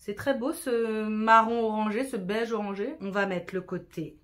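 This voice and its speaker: A woman talks her way through a makeup tutorial at a casual, chatty pace. She is often self-deprecating and slips English words into her speech. Her voice sits at an everyday middle pitch. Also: fairly even intonation, moderate pace. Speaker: beauty vlogger.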